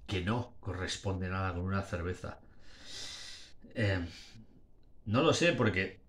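A man in his forties reviews a beer in a casual video from a small dim room, talking at close range to a webcam or phone. He talks in a slurred, rambling way, full of restarts, and plays up being tipsy. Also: on the low side. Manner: slurred, rambling speech with restarts, playing up drunkenness. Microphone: webcam or phone at arm's length.

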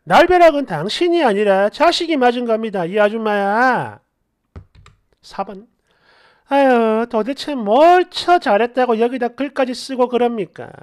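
A woman's voice: fairly high pitch, animated, measured pace, darkish tone. A woman reading out online posts and comments with sarcastic, scolding commentary.

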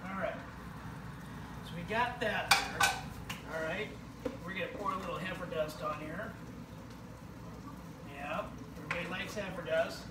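A man in his forties with a high-pitched voice rambles and jokes through a home cooking demonstration, tagging "okay?" onto his lines. He is recorded from across an echoing kitchen on a distant camera mic. A steady hiss of noise sits under his voice. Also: measured pace, pauses often. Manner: jokey, rambling, keeps saying okay. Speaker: home cooking show host. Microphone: camera across the room.

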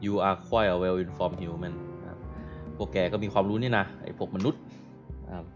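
A man from Thailand on a live game stream, reading dialogue slowly and deliberately, then translating it with polite particles. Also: low-pitched, fairly even intonation. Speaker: gaming streamer. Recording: dull lo-fi stream audio. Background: game music.

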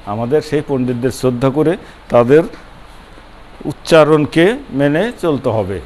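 Unhurried and darkish, the older man's mid-range voice fills a classroom grammar lecture. The former college principal hammers on key words, repeats them, breaks them down syllable by syllable, and poses questions to students that he answers himself.

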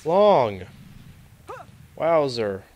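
A young man giving live let's play commentary, sarcastic and rambling, reacting loudly to glitches. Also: mid-range voice, big pitch swings, drawn-out words, a little hiss or hum. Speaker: gaming commentator.

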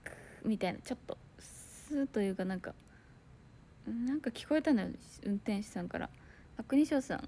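A young woman chatting casually on a solo livestream, reading viewer comments and telling a story with loud outbursts and hushed asides. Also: on the high side. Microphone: phone or computer mic on a solo livestream.

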